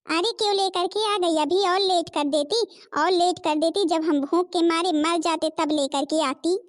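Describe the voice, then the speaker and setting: A woman voicing a spoiled, rude young stepsister in an animated cartoon, whiny and demanding. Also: very high voice, moderate pace, no echo, clean studio sound. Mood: mocking.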